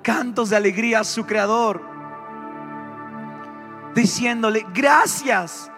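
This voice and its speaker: A man preaches with a high, lively voice, firing questions at his congregation. Soft music plays faintly behind him. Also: unhurried, long reverb tail. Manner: animated, asks the congregation questions. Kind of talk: sermon.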